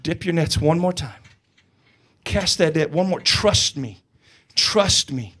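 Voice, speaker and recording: God urging trust, calm, insistent, quiet, low, as a preacher acts it out, fairly high male voice. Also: slow pace, exaggerated voice. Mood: coaxing.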